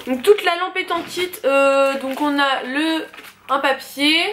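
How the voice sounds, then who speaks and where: A young woman chatting casually through a shopping haul vlog, filling pauses with frequent hesitations and light laughs. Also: high voice, a bit bright, a little hiss or hum. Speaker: vlogger.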